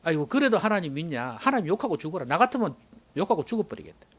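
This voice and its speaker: A nagging wife scolds her stricken husband in broad Gyeongsang dialect, acted out by a man in a sermon. The voice sits high and swings widely, drawling each jab with contempt. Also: sing-song, fast talker, slightly rough, full character voice. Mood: scolding. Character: nagging middle-aged wife mocking her suffering husband.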